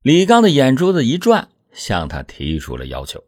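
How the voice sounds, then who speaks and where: A man's voice: mid-range voice, wildly swooping pitch, normal speed, darkish tone. A man telling a true-crime story in a dramatic, vivid way.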